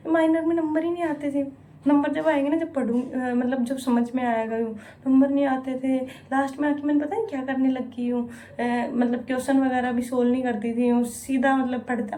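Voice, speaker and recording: A woman's voice: on the high side, warm tone, a little hiss or hum. Young woman sharing an emotional struggle story. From India. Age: young adult. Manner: emotional, repeats "यूँ" often, frank and rambling. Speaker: vlogger. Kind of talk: casual confessional storytelling.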